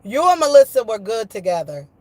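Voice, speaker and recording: Higher-voiced woman, slangy casual livestream chat. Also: big pitch swings, fairly quick, warm tone, no echo. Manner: slangy, profane, gossipy; repeats her phrases for emphasis. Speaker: online streamer talking with live chat viewers.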